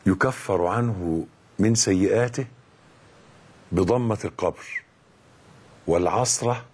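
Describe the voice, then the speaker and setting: A middle-aged preacher with an Egyptian Arabic accent gives a religious lesson in a lowish, husky, unhurried voice. He is emphatic and dramatic, swinging between a hush and loud outbursts.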